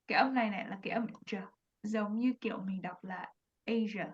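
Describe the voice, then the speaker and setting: Woman ESL tutor, Vietnamese accent, brisk explainer, dull lo-fi call audio. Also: mid-range voice, slightly rough. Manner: quick explanations in Vietnamese, slow careful English modeling. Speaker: English teacher. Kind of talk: online English lesson, mixing Vietnamese and English.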